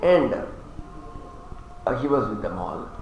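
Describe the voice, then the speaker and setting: Gravelly man teaching scripture. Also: mid-range voice, very animated, extremely slow, darkish tone, soft background music. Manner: chants verses, then explains them with humor. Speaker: religious teacher. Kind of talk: scripture discourse with Sanskrit verses. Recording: very echoey hall, faint background noise.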